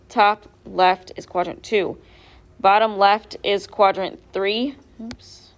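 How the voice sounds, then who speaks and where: A woman teacher going over quiz answers step by step in a classroom, asking her students questions as she goes. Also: medium pitch. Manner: patient, step-by-step, quizzes students. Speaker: math teacher.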